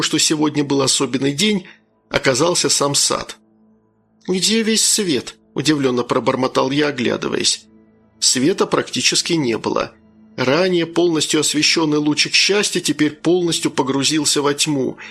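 A man's voice: on the high side, gravelly, a bit bright, slightly rough. A man reading a first-person story aloud in a sardonic, dry manner. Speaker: audiobook narrator. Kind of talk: scripted first-person narration.

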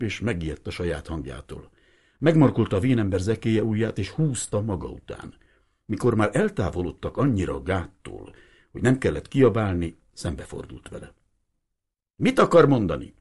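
Low, husky male audiobook narrator. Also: very animated, mellow. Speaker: audiobook reader. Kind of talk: scripted novel narration.

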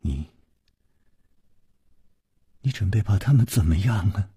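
A man's voice: on the low side, animated, slow pace, dark tone, slightly rough, dry recording, clean studio sound, heavily acted. A man voicing an outspoken young woman who presses with questions. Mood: urging.

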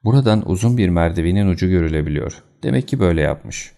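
A sharp, decisive detective gives brisk commands, as a man reads him. The voice is deep and dark with a gravelly fry. The manner is commanding and matter-of-fact. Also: lively intonation.

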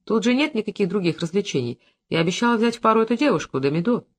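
An audiobook reader voicing a patient, slightly guilty husband who speaks softly and coaxingly. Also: medium pitch, expressive, fast talker, natural voice. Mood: gentle. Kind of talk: audiobook character reading.

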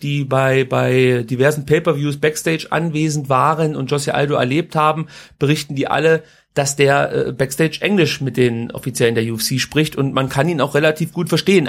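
A male podcast host talks through the news in a loose, conversational way, slipping in crude slang now and then. His voice sits a little higher than most men's. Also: steady tone, moderate pace, vocal fry. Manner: informal and colloquial, with crude slang. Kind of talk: casual news commentary podcast.

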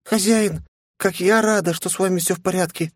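A loyal, skittish young guardian girl in an audiobook, her voice raised high and hushed with urgency, as a man reading the book acts her out. The sound is close and dry. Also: fairly even intonation, normal speed, dry recording. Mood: urgent, devoted. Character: devoted, jumpy young female guardian. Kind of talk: audiobook character voice.

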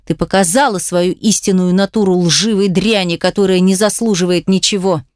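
A woman voicing an enraged jealous man who accuses his partner harshly and swears roughly. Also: on the low side, fairly even intonation, normal speed, no echo, clean studio sound, lightly acted. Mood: furious.

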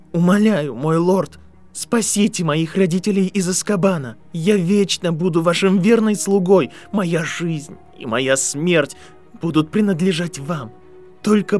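Male reader as a frantic boy, high and loud, pleading with a trembling voice; faint music. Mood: begging. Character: desperate boy, son of prisoners.

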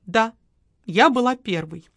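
A woman's voice: fairly high pitch, lively intonation, a little slow, no room sound, studio quality. A woman voicing a theatrical, self-pitying widow who pleads and sighs melodramatically. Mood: dramatic pleading.

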